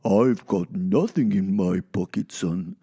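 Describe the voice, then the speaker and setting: Man putting on a deep, husky, leering Santa Claus. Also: slow, dark tone, full character voice. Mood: creepy jolly. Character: leering shopping-mall Santa, jolly and creepy old man.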